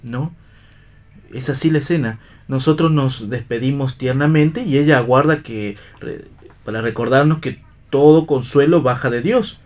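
In a radio play reading, a man acts the part of a philosophical vagabond husband, his declamatory, literary lines tender, bitter and ironic, with a firm mood. His natural voice sits at medium pitch with a darkish tone, at normal speed.

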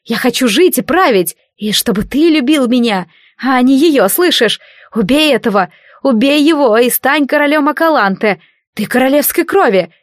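A woman voicing a shrill, ambitious young woman who shrieks and pleads in a storybook reading. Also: lively intonation, normal speed, no echo, studio quality. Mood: shrill panic.

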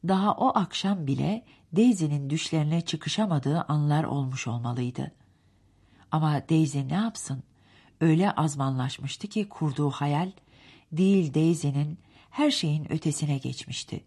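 A woman reading a novel aloud as an audiobook narrator, measured and unhurried. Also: sits low, a little mellow, breathy edge.

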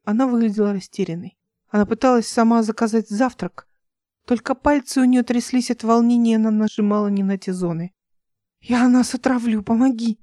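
Mellow-voiced woman narrating an audiobook. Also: fairly high pitch, fairly quick, no room sound, clean studio sound.

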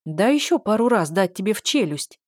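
A woman's voice: mid-range voice, very animated, brisk, dry recording. A quarrelsome, self-important young prince with a haughty edge, as a woman reads him. The voice is close and dry, like a storybook reading recorded in a dead room. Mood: indignant. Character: pompous young male prince, hot-tempered.

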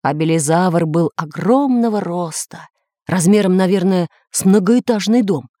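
A woman narrating a children's audiobook in an expressive, measured storytelling manner. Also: lowish voice, dry recording, clean studio sound.

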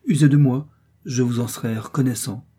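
A man reading the part of a rich, kind-hearted gentleman who speaks in an earnest, courteous way. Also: medium pitch, normal speed, slightly rough, natural voice.

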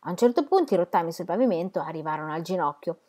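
A woman reading a novel aloud, narrating in a steady, measured way. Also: on the low side. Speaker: reader. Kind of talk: audiobook narration.

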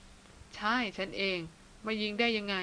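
A woman voicing a frustrated young male companion who speaks slowly and with exasperation. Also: bright, forceful tone, slight background noise. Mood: exasperated.

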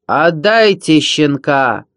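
A blustering hairy space pirate, male and loud, bragging and whining in a raised, pushy storybook voice, as a male narrator puts him on. He stretches some words out slowly for effect. The sound is dry and close. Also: on the high side, no room sound. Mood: demanding. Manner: loud, bragging, whiny threats.

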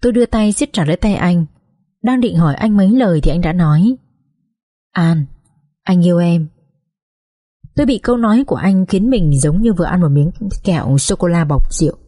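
Mellow low-voiced woman. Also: animated, fast, slightly rough. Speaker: audiobook narrator. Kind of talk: emotional first-person story narration.

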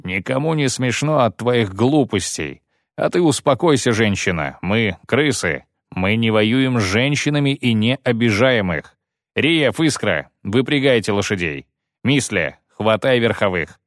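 A man's voice: medium pitch, animated, measured pace, no echo, studio quality. A man doing a curt gang leader. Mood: stern. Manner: curt, commanding.

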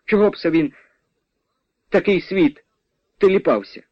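A stubborn old peasant widow scolds in a raised, lively voice, as a male narrator puts her on. She snaps back with disbelief and a sharp tongue. The radio recording sounds dull and dry. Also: high-pitched, unhurried, slightly rough, no room sound, pitched above the performer's own voice, exaggerated voice. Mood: scolding.

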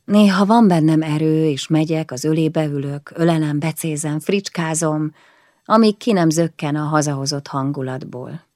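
A woman reading a novel aloud in the first person, quiet and introspective. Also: deep voice, no room sound, studio quality. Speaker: audiobook narrator.

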